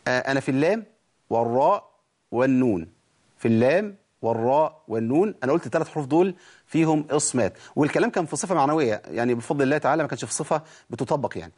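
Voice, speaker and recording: A man's voice: mid-range voice, lively intonation, darkish tone. A man with an Egyptian accent teaching Quran recitation, asking rhetorical questions and answering them himself. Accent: Egyptian Arabic. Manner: explains with rhetorical questions, then slow drawn-out recited examples. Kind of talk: tajweed lesson.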